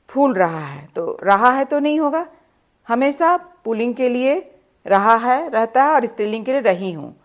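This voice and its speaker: A woman teaching a grammar lesson, patiently explaining step by step with examples and reading example sentences slowly and deliberately. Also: on the high side.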